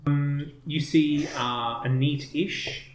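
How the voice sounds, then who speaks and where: A man narrating as game master of a tabletop game, halting and full of fillers. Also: a little high, steady tone, faint music behind. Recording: echoey room with faint noise.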